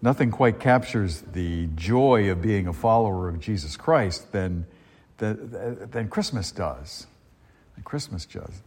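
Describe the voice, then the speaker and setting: Husky preacher man in a cathedral echo. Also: deep voice, a little mellow. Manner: halting, conversational, with repeated phrases. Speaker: priest preaching at a Christmas service. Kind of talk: liturgical reading and homily. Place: large reverberant church. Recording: long cathedral echo in a large church.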